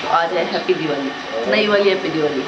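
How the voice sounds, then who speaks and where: A woman's voice: on the low side, fast talker, very noisy. A woman vlogging at home in a chatty, rambling, self-mocking way, talking to a handheld phone camera. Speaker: family vlogger. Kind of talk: casual home vlog chat. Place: family home indoors. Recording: slightly muffled phone audio.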